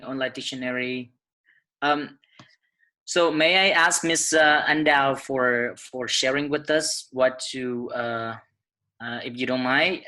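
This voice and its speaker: A man's voice: medium pitch, bright, forceful tone, rough recording. A man hosting an online teacher webinar over a video call, speaking with many fillers and restarts. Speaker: webinar host. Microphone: computer mic on a video call.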